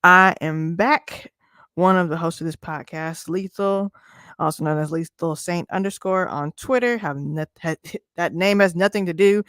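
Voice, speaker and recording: A woman co-hosting a casual sports podcast, talking in a profane, teasing, animated way. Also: fairly low pitch, a little slow, dry recording. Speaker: podcast co-host.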